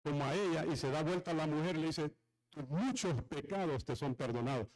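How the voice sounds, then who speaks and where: A man's voice: moderate pace, rough recording. A male pastor preaching a sermon, retelling a story with dramatic swings and asking the congregation questions. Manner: lively pitch swings from high to low.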